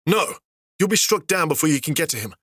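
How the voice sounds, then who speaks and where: A man's voice: on the high side, big pitch swings, brisk, a bit bright, husky, no room sound, studio quality, voice pushed up, exaggerated voice. A man voicing a tough, protective male ranger who talks in urgent, raised bursts.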